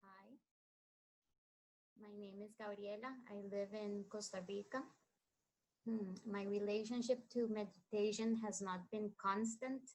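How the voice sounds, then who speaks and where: Slow, reflective woman introducing herself. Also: mid-range voice, level tone, darkish tone, rough recording. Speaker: workshop participant. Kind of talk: casual introduction.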